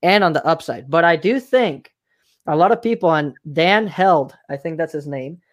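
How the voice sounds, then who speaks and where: A man's voice: fairly high pitch, lively intonation, moderate pace. Man from Mexico, host of a casual stream; loose, rambling delivery full of fillers. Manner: rambling, hedging with filler phrases. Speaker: livestream host. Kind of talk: casual chat.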